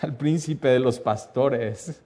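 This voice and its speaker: A man preaching a sermon, telling the story dramatically, dropping to a hush and then rising loud, with repeated lists. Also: mid-range voice, slow pace.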